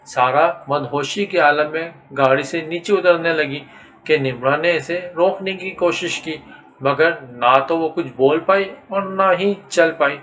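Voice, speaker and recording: A man narrating a scripted horror story in a steady, dramatic storytelling manner. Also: fairly high pitch.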